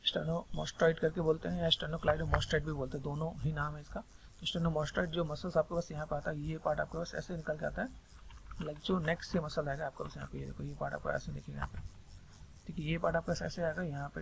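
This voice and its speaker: A man with a Hindi accent talks fast through a screen-recorded sculpting tutorial, rambling and repeating the same filler phrases over and over. His voice sits slightly high with a gravelly edge. Faint noise hums under the recording.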